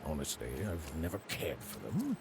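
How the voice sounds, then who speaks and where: A theatrical storybook narrator for a video game. He is wry and arch, with a very wide-ranging intonation and clear music underneath. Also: rumbling low, huge pitch swings, full character voice. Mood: wry, ominous. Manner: arch, measured.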